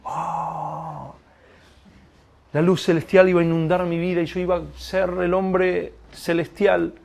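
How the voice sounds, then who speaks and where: A male preacher with a high-pitched voice and a gravelly edge. He delivers his sermon in an animated way, slipping into quoted prayers and little dialogues as he goes. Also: unhurried.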